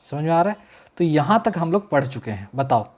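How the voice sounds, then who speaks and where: A male law teacher giving a classroom-style lecture, mixing Hindi with English legal terms, repeating key phrases slowly and quizzing his students. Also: on the high side, big pitch swings, a little mellow.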